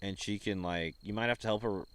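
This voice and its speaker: Smooth-voiced young man, easygoing. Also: fairly low pitch, fairly quick, a bit bright. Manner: easygoing, agreeable, short replies. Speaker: podcast co-host. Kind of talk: casual chat.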